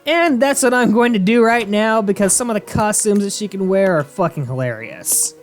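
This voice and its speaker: An animated voice of indeterminate sex and middling pitch, doing casual let's-play commentary. The delivery is sarcastic, joking and foul-mouthed, with faint music behind it. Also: normal speed. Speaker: host playing a video game.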